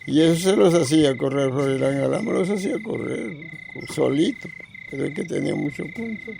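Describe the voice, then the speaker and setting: An older man with a northern Peruvian accent and a gravelly voice tells stories informally, rambling and repeating his phrases. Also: a little high, expressive, fairly quick, a little mellow, slight background noise. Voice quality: gravelly, creaky aged voice. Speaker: grandfather recounting local oral history. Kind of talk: informal oral storytelling.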